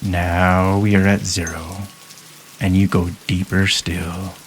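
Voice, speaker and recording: A man with a very low voice leads a hypnosis session, speaking soft, calm and unhurried, with long pauses between phrases. Faint rain patters behind him. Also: slight background noise. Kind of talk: guided hypnosis induction.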